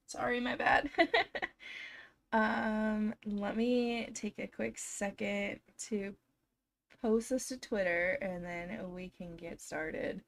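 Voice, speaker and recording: Still hoarse from being sick, this young female streamer chats with her audience from home, her medium-pitched voice creaky and scratchy, froggy, with fairly even intonation and an extremely slow pace. She giggles a lot and keeps talking to her chat. It's a casual live stream picked up on a desk mic.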